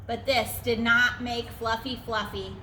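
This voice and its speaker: A woman teacher reading a storybook aloud in an expressive way, adding chatty asides. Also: a little high, measured pace, echoey room, a little hiss or hum.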